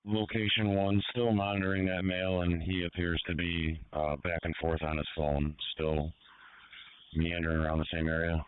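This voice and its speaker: A man giving measured surveillance updates over a police radio. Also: sits low, level tone, smooth, no room sound, narrow, tinny audio.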